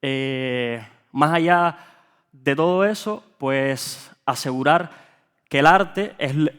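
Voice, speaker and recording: A man from Cuba with a Cuban accent, an actor talking earnestly at a panel, pausing on fillers and repeating words. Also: on the high side, a bit bright, smooth. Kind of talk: panel talk. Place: event hall.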